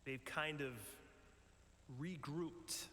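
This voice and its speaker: A priest giving a retreat talk in a large church, telling a story in a relaxed, conversational way with many ums and uhs. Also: male voice, fairly high pitch, extremely slow, a little hiss or hum. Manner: conversational storytelling with frequent fillers. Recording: echoey church with long reverb.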